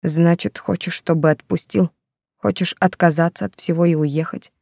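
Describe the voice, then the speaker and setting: A woman voicing a brooding, possessive man who pleads in a low, steady, insistent way. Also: moderate pace, vocal fry, no room sound. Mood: urgent.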